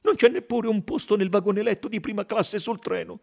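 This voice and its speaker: A flustered, apologetic hotel porter, as a male reader puts him on, pitched up and anxious. The voice is husky, with a gravelly edge. It is an audiobook reading. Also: a little fast.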